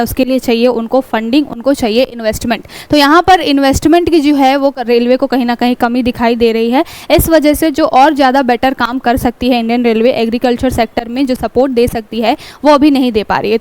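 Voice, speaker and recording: A woman's voice: high-pitched, a little mellow, clear, resonant tone, no echo. A woman teaching an exam-prep class, explaining a newspaper editorial step by step, asking rhetorical questions and mixing in English terms. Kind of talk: newspaper analysis lecture.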